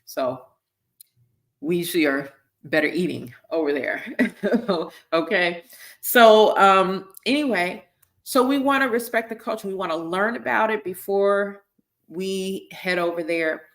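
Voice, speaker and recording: A woman's voice: mid-range voice, unhurried. A woman hosting a live-streamed teaching talk, speaking conversationally and often checking in with her listeners with "right?" and "okay?". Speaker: host, missions team leader.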